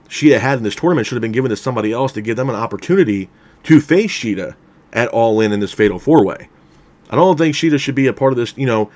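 A man's voice: medium pitch, dry recording. A man giving a casual spoken review of a wrestling show, candid and opinionated, padding his talk with "you know" and "man". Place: unseen, voice over a title card.

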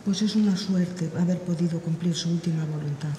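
A woman's voice: lowish voice, steady tone, brisk, dark tone, lightly acted. Actress as older woman in echoey hall. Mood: friendly. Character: chatty, sympathetic older woman holidaymaker. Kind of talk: naturalistic short-film dialogue. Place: large, bare indoor waiting lounge. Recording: very echoey, distant, noisy hall.

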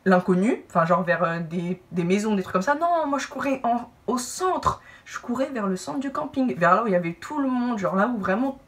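A young woman telling a personal story to camera in a casual, animated way, acting out what others said. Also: mid-range voice, fairly quick, few pauses, recorded from a distance. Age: young adult. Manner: animated, lively asides and acted-out quotes. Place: indoor room, brick wall behind.

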